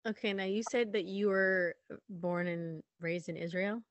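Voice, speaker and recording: A woman's voice: mid-range voice, fairly even intonation, a little slow, no echo, lo-fi sound. A woman hosting an interview who asks polite, careful questions. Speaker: podcast host.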